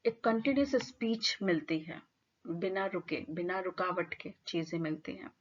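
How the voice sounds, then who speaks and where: A woman teacher lecturing students in a clear, explanatory way, mixing English terms into her speech. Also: on the low side, normal speed. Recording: slightly dull lo-fi audio.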